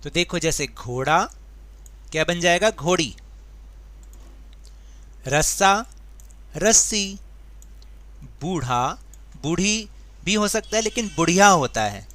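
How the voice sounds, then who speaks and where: A man with a bright, ringing voice pitched a little high teaches a grammar worksheet. He goes patiently step by step and puts questions to his students. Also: expressive, slow pace, long pauses, no room sound. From India. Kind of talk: worksheet lesson.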